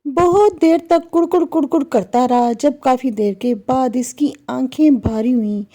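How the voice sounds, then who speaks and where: A woman's voice: high-pitched, normal speed, warm tone. A woman narrating a moral story in an earnest, emotive manner, acting out the dialogue.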